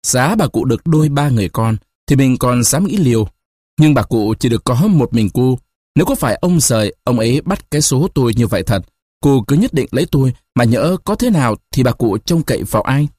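A shy young village man, read by a male storyteller, answers gently and hesitantly. His voice is warm and a little husky, with lively rises and falls. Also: medium pitch, fairly quick, dry recording, studio quality. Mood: pleading.

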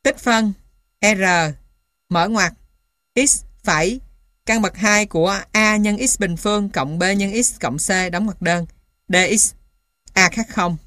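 A woman reading scripted material as dictation, piece by piece, in a measured, matter-of-fact way, like an instructor. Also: medium pitch, fairly bright tone, no echo, studio quality. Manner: dictating symbols and punctuation one piece at a time. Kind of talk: scripted dictation of maths formulas.

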